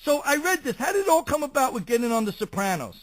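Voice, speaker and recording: Brooklyn guy hosting an interview show, pretty high voice, chatty. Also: very animated, quick pace, fairly bright tone. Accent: Brooklyn New York. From Brooklyn, New York. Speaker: talk show host.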